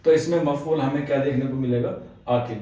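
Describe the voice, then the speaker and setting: A man's voice: mid-range voice, fairly even intonation, a little fast, mellow, far from the mic. A man teaching an exam answer-key lesson, explaining step by step and constantly padding his sentences with the same filler phrase. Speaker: Urdu exam coaching teacher. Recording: very echoey room, voice off-mic.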